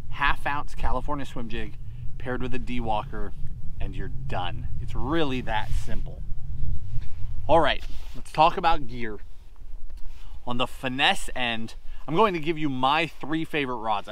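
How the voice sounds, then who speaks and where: A man's voice: mid-range voice, fairly bright tone. Upbeat man explaining fishing gear outdoors. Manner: enthusiastic, practical, talks with his hands. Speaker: fishing show host. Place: on a boat on an open lake outdoors.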